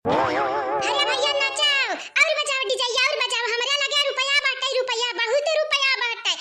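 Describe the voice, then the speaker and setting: Squeaky Awadhi old man. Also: big pitch swings, unhurried, over loud music, heavily acted. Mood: boastful. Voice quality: high, squeaky cartoon voice. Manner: sing-song, loud boasting and wailing. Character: boastful old village man, money-proud and then panicking. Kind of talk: cartoon voice acting. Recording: heavy background noise.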